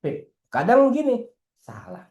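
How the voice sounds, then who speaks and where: Lively slangy coach, echoey room. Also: male voice, extremely high pitch, measured pace, muffled recording. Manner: lively, slangy, teasing, asks rhetorical questions. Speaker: football coach. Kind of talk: casual internal coaching meeting.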